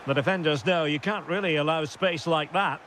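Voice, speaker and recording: High-pitched, bright football commentator. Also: male voice, fairly quick, slight background noise. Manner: calls player names, rises sharply on goals and chances. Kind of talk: video game match commentary.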